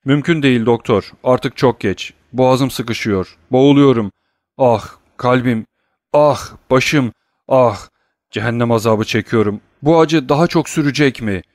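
A man's voice: fairly low pitch, fairly even intonation, normal speed, no room sound, studio quality, close to an everyday voice. A man voicing a dying old male servant who gasps and pleads in agony. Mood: agonized. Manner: gasping, pleading, anguished.

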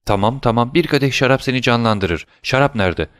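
A man's voice: mid-range voice, animated, brisk, a bit bright, clear, resonant tone, no room sound, clean studio sound, voice pushed up, lightly acted. A man reading aloud as a young sailor, earnest and emotional with his old father. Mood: eager. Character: young male sailor, eager and devoted son.

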